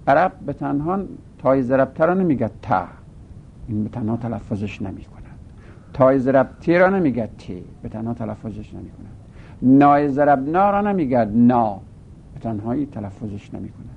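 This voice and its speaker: Gravelly man teaching over a tinny line. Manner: methodical, drawn-out words, asks and answers his own questions. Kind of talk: grammar lesson, explaining step by step. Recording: gravelly voice on a tinny phone-like line with faint rumble.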